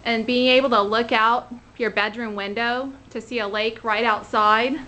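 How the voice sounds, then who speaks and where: Fairly high and sharp in tone, her voice stays steady at a normal speed. She's a thirty-something real estate agent giving an upbeat rental walkthrough on a handheld camera, starting outdoors at the front door and then touring an empty condo, pointing out features room by room.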